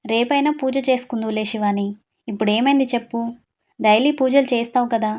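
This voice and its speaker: A woman voicing a gentle, caring older mother-in-law who soothes the family in a read-aloud story. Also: fairly high pitch, steady tone, fairly quick, lightly acted.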